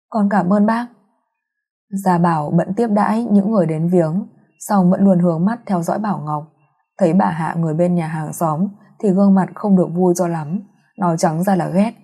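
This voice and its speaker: A woman reading a romance story aloud in calm, steady audiobook narration. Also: fairly low pitch, breathy edge.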